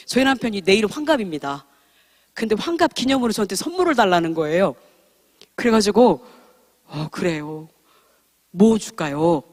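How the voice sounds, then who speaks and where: A woman's voice: mid-range voice, slightly rough. Woman in her 50s giving a heartfelt testimony sermon at church, candid and self-mocking. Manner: earnest, heartfelt storytelling; frank and self-deprecating. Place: church service.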